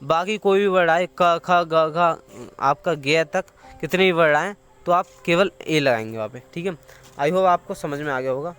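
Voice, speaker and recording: A man teaching English grammar, asking students questions and then answering them in a clear, explanatory way. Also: fairly high pitch, unhurried, fairly bright tone. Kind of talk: classroom-style explanation to students.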